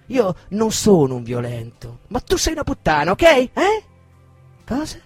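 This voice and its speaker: A man reading a dramatic monologue as an abusive, aggressive man berating a woman, shifting from shouted insults to cold menace, with a husky voice. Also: high-pitched, wildly swooping pitch, a little slow, dry recording, faint music behind, heavily acted. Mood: furious, contemptuous.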